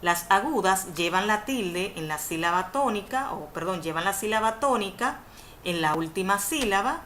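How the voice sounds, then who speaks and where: A woman's voice: medium pitch, fairly bright tone. A woman teaching a university Spanish course over a webinar, explaining rules step by step and correcting herself as she goes. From Dominican Republic. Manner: didactic, repeats definitions, self-corrects with "perdón". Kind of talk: webinar lecture on Spanish spelling. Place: indoors, online video conference. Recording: faint background noise, webinar audio.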